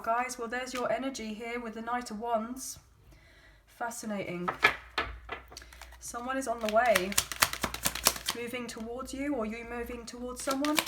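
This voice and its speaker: Heavy background noise sits behind this tarot reader, a woman whose hoarse, slightly croaky voice has a fairly high pitch. She reads cards for her viewers casually, chatting with gentle encouragement and frequent ums.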